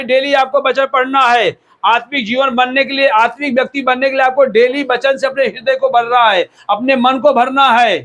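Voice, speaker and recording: Indian pastor guy giving a sermon, really high voice, keeps repeating stuff to drive it home. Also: fairly bright tone. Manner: exhorting, repeats key words with "बोले" and "sir".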